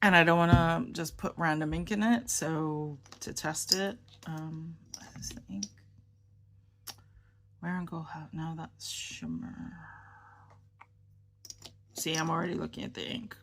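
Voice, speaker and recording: Tired woman vlogger, low and creaky, slow hesitant rambling chat. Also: expressive, fairly bright tone. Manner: rambling, hesitant, with many ums and restarts. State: tired and subdued. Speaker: fountain pen vlogger. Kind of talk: casual show-and-tell chat.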